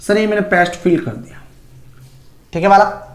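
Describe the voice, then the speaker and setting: A man's voice: high-pitched, moderate pace. A male chemistry teacher lecturing at a whiteboard, posing rhetorical questions to the class and answering them himself. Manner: asks himself rhetorical questions and answers them, calls students "sir" and "child". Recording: echoey room.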